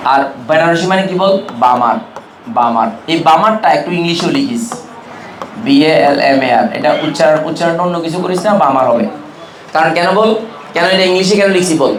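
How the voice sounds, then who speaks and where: A man's voice: a little high, roomy sound, slight background noise. A man from Bangladesh with a Chittagong Bengali accent teaching a chemistry class, drilling students with call-and-response questions and mnemonics. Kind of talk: classroom lecture.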